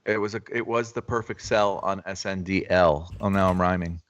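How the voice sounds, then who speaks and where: A man's voice: low voice, steady tone, moderate pace, muffled recording. A man hosting a casual trading livestream, teasing his co-hosts and swearing freely. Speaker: stock trading stream host. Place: home, in Florida.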